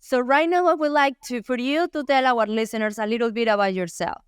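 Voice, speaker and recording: A woman hosting a wellness podcast, speaking English with an accent and stressing key words slowly. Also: on the high side, fairly even intonation, clear, resonant tone, no room sound, studio quality. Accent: non-native English. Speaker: podcast host. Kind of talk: podcast interview.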